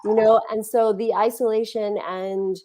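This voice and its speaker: A woman giving a conversational talk on healing, animated and acting out quoted feelings as she speaks. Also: medium pitch, moderate pace.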